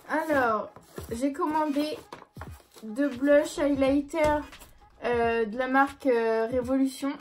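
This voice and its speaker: A young woman chatting casually through a beauty haul and review, light and self-deprecating, with plenty of hesitant fillers. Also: high-pitched. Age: young adult. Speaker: beauty vlogger. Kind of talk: casual product review vlog.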